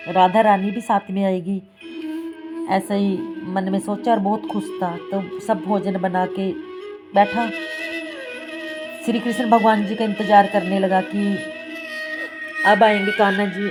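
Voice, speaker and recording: A woman narrates a devotional story in a simple, repetitive manner. Instrumental music plays clearly behind her, and her voice sits at an ordinary middle pitch.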